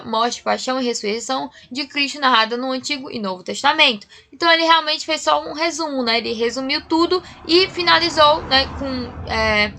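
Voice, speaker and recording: A woman's voice: fairly high pitch, creaky, pushed and bright. A woman teacher with a Brazilian Portuguese accent, giving a remote writing lesson and explaining step by step while checking in with tag questions. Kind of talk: remote writing class lecture.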